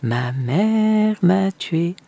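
A woman reading a storybook and voicing a magical bird that sings its lines in a slow, chanted singsong. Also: fairly low pitch, lively intonation, gravelly, dark tone, full character voice. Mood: chanting. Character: haunting magical bird, singing slowly.

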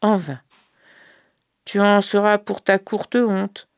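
A woman voicing a sick, weary older man who speaks in a slow, warning tone. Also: mid-range voice, fairly even intonation, smooth, no echo, studio quality, voice pushed up. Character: sick, weary old brother lying in pain.

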